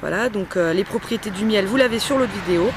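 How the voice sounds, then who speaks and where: Speaking fast in a medium-pitched voice, a woman demonstrates a homemade beauty-care routine step by step. Her tone is informal, chatty and playful, and background noise is audible.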